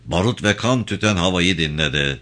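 A man's voice: low voice, lively intonation, normal speed, fairly bright tone. A man narrating a novel in a dramatic storytelling manner. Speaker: audiobook narrator.

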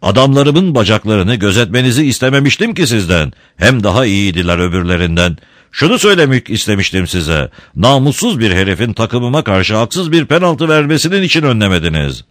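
A man's voice: on the low side, sing-song, brisk, a bit bright, dry recording, clean studio sound, voice pushed up. A man voicing a hot-tempered village priest who talks in an indignant, commanding way.

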